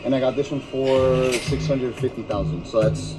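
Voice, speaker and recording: A man's voice: mid-range voice, normal speed, over loud music, low-quality recording. A man in his twenties from Miami, talking casually as an interview guest and often dropping "yeah, yeah.". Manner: laid-back, repeats fillers like "yeah, yeah". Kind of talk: casual conversation.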